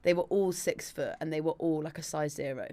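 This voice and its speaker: A young woman from Leeds, a podcast guest telling stories in casual chat, animated and quick to laugh. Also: sits low. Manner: giggly, animated storyteller.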